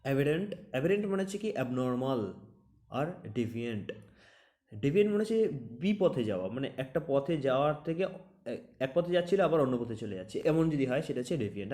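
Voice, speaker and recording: A man's voice: medium pitch, expressive, rapid-fire, a little mellow. A man teaching exam-prep vocabulary, explaining with many examples and often asking if students have understood. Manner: asks "understood?" after each point.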